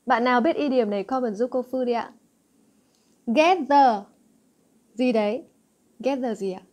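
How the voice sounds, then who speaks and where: A woman's voice: on the high side, fast talker, a little mellow. Chatty woman teacher. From Vietnam. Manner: coaxing, asks frequent check questions to students. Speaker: English teacher. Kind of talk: exam-answer lesson.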